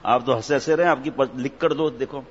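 A man, a cleric giving a humorous sermon in a mosque, teasing his audience with jokes and stories. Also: medium pitch. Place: mosque hall. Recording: echoey hall, dull lo-fi sound.

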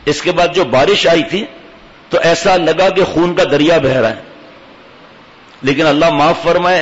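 A man's voice: fairly high pitch, slight background noise. A man, giving a sermon and putting rhetorical questions to the congregation, with pious phrases throughout. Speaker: preacher. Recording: dull, long-reverb hall recording.

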